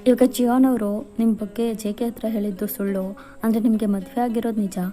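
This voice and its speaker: A woman's voice: a little high, steady tone, a little fast, warm tone. A woman narrating a fan fiction voiceover, speaking directly to the listener.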